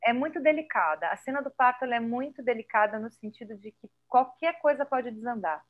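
Woman, Brazilian Portuguese accent, high voice, animated storyteller, slightly dull lo-fi sound. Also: a little fast. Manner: lively storyteller acting out quoted dialogue. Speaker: doula guest. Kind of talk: casual podcast conversation. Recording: slightly dull lo-fi podcast audio.

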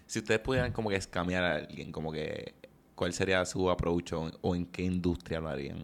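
A deep, low-voiced man hosts a casual podcast. He speaks in a relaxed way and steers the talk with his questions. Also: a little fast, vocal fry. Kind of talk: casual chat.

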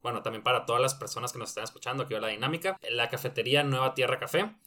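A Mexican man hosting a podcast, his voice bright and crisp. He keeps it loose and slangy. He runs the segment in an easygoing way. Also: medium pitch, very fast. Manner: relaxed, slangy. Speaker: podcast host. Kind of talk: casual podcast chat and sponsor read.

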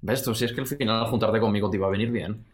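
A man's voice: lowish voice, quick pace, noisy background. A man from Extremadura hosting a podcast, chatty and telling anecdotes. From Extremadura, Spain. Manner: chatty, storytelling, animated. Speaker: podcast host. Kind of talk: casual chat.

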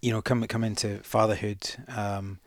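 A middle-aged man with a Highland Scottish accent, talking casually and reflectively as a podcast guest. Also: little pitch movement, normal speed, no room sound, clean studio sound.

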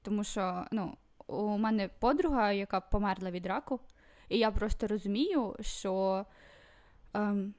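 A woman's voice: medium pitch, measured pace, darkish tone. A woman chatting casually as a guest, talking in a loose way full of fillers and restarts. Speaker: podcast guest living in Sweden. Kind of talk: casual chat.

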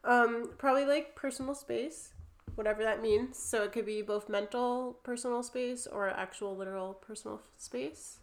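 A woman's voice: fairly high pitch, fairly even intonation, moderate pace. A young adult woman with a New Jersey accent, an artist talking casually as a podcast guest, chatty and full of fillers.

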